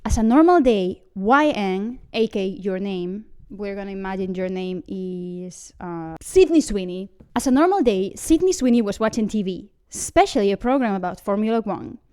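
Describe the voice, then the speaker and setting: A woman's voice: medium pitch, expressive, moderate pace, few pauses, dark tone, clear, resonant tone. A woman hosting a comic fan fiction reading, with wry, sarcastic, laughing asides.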